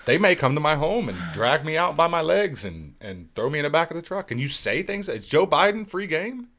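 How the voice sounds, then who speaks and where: A man in his thirties hosts a casual podcast, his pitch jumping around freely as he jokes. He has a sarcastic edge and curses without a second thought. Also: big pitch swings, fairly quick, a bit bright. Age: 30s. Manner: sarcastic, joking, swears freely. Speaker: podcast host. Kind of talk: casual live podcast chat.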